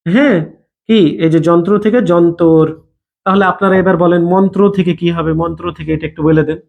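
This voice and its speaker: A man's voice: high voice, steady tone, fast talker, gravelly, lo-fi sound. A man teaches a live online grammar class. He repeats each point and thanks students by name as he goes. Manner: repetitive, checks in with students by name.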